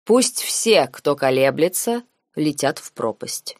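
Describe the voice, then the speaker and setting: A woman reading the lines of a cold, calculating noble uncle in an audiobook, measured and sarcastic. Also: deep voice, very animated, no room sound, studio quality, exaggerated voice. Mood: cold, lecturing. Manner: measured, lazy, coldly sarcastic.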